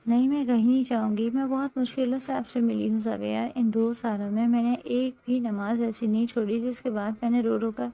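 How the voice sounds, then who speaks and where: A woman's voice: fairly high pitch, little pitch movement, vocal fry, hardly any pauses, warm tone, rough recording. Woman reading a tearful pleading young wife. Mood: desperate.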